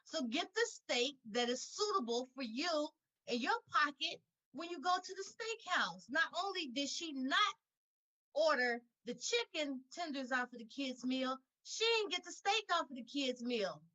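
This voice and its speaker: An older woman hosts a video call, chatting and telling stories in a lively, laughing way. Her voice is high and bright, with a playful edge. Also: a little slow, muffled recording. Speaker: host of a company call. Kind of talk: casual chat and storytelling.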